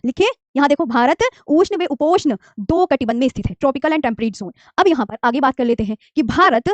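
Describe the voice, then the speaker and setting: High-voiced coaxing woman teacher. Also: darkish tone, no echo. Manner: coaxing, repeats key terms and asks students to say them along; calls students "dear children", mixes English terms into Hindi. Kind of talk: online geography lesson. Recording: dry, slightly dull lo-fi mic.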